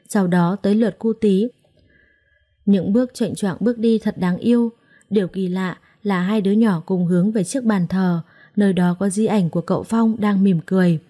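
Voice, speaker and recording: A woman storyteller reads a story aloud. Her delivery is gentle and measured. Her voice is mellow and warm, at an ordinary pitch. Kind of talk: scripted story narration.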